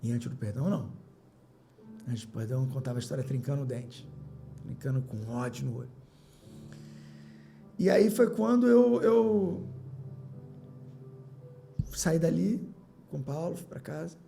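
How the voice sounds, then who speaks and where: A man's voice: on the high side, unhurried, vocal fry, long pauses, dark tone, soft background music. A middle-aged man, a business owner and podcast guest, telling a personal story with emotion, repeating phrases and acting out his own past words.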